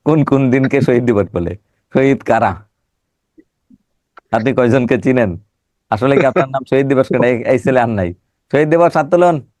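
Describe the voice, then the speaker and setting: Middle-aged man, teacher with a cold, mid pitch, dry close sound, teasing students on a video call. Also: normal speed, pauses often, a little mellow, no room sound. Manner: joking, scolding students by name. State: has a cold. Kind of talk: online class lecture with teasing banter.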